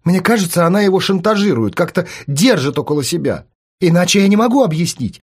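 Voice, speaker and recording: A man's voice: high-pitched, animated, fairly quick, breathy edge. A man voicing anxious young woman Liza. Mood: plaintive. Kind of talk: audiobook reading.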